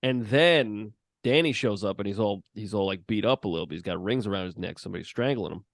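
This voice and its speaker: A man's voice: on the low side, no room sound, studio quality. A young man co-hosting a podcast, recapping a movie in casual chat, swearing and acting out lines. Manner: crude, laughing, acts out movie lines in quick voices. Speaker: podcast co-host.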